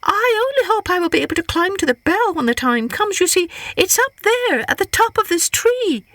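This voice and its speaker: Scrawny old trickster hare for a storybook: high, swooping voice, pleading and falsely innocent. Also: female voice, very animated, normal speed, fairly bright tone, no echo, studio quality, exaggerated voice. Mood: coaxing. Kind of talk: storybook character voice.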